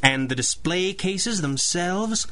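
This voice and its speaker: An actor playing a confident masked crime-fighting boss in a 1930s-style radio drama, crisp and measured with dry banter. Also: male voice, sits high, animated, sharp tone, exaggerated voice. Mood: thoughtful, explaining.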